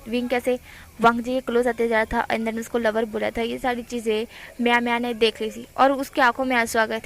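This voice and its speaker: A woman's voice: a little high, a bit bright. A young woman casually retelling a romance fan fiction, chatty, speaking to her viewers and acting out the dialogue. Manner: chatty, addresses listeners as guys, mixes English words.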